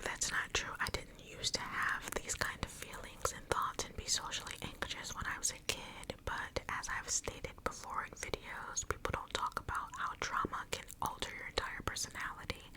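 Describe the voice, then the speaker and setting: Whispering woman, soft ASMR ramble. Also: rough recording. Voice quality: breathy, unvoiced whisper. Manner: intimate, rambling, repeats phrases. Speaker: ASMR content creator. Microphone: close mic with cupped-hand whispering.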